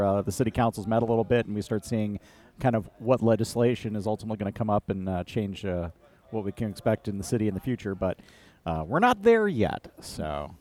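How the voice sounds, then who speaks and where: A man co-hosting a casual politics podcast, talking in a relaxed, halting way with many fillers and restarts. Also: lowish voice. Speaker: podcast co-host. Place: outdoor beer garden.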